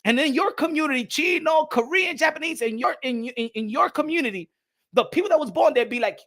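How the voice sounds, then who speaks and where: A man hosting a casual boxing livestream, animated, swinging between loud outbursts and low mumbling, dropping Spanish phrases into his talk. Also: fairly quick. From United States. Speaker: boxing commentator.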